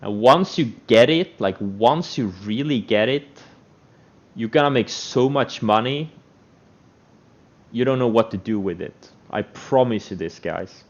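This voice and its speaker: Giving trading advice off the cuff, this stock trader launches into a blunt, repetitive motivational rant with plenty of emphasis. His mid-range voice is animated but measured in pace. A dull, low-fidelity microphone captures it.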